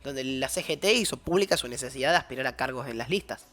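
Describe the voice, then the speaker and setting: A man's voice: medium pitch, expressive, quick pace, pushed and bright, faint music behind. A man with an Argentine accent, a guest analyst explaining politics in casual discussion, often restarting and correcting himself.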